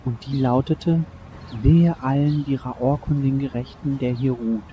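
A man plays a superstitious butler in a radio play who speaks slowly and ominously. A clear hiss runs under his lines. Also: mid-range voice, fairly even intonation, lo-fi sound, close to an everyday voice. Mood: fearful. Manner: slow, ominous. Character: superstitious fearful male butler.

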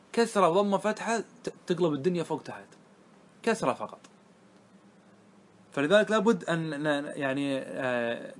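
A man teaching a grammar class to students, often asking them whether it is clear and repeating key words. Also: on the high side. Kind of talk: classroom lesson.

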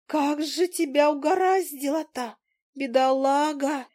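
A woman voicing a tiny, fussy female talking fly that scolds and frets in a shrill voice. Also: steady tone, unhurried, darkish tone. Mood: fretful.

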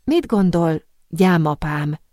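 A woman's voice: on the low side, animated, dark tone, dry recording, clean studio sound, lightly acted. A woman reading the part of a cheerful, curious young woman perfumer in an audiobook, speaking politely.

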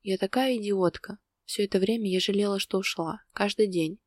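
A woman reading the lines of a tearful young woman in a hospital bed, quiet and hushed, in a storybook reading. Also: mid-range voice, fairly quick, no room sound, clean studio sound, close to an everyday voice. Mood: fragile.

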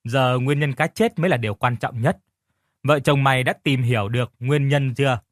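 A man voicing a gruff, fatherly older village man who talks bluntly and bossily. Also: medium pitch, normal speed, no room sound, clean studio sound, lightly acted. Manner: blunt, bossy, scolding. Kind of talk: audiobook character reading.

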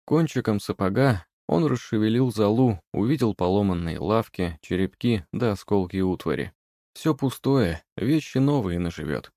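Calm low-voiced male narrator. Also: moderate pace, no echo, studio quality. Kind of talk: audiobook narration.

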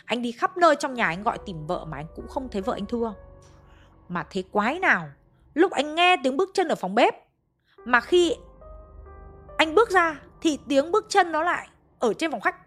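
A woman's voice: sits high, very animated, normal speed, long pauses, fairly bright tone. Hanoi woman storyteller, chatty ghost-story narration over faint music. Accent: Hanoi Vietnamese. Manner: conversational, addresses listeners.

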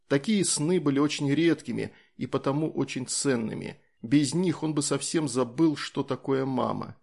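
A man narrating an audiobook in an even, unhurried storytelling manner. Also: medium pitch, creaky.

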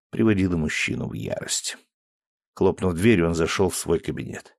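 A man's voice: low-pitched, dry recording, clean studio sound. A man narrating an audiobook, reading expressively and voicing each character. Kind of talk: scripted narration.

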